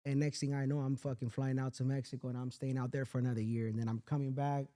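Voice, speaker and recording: A young man from Inglewood, California, appears as a music artist guest in a casual interview, telling his story in a laid-back, slangy way. His mid-range voice is mellow and fast, with little pitch movement.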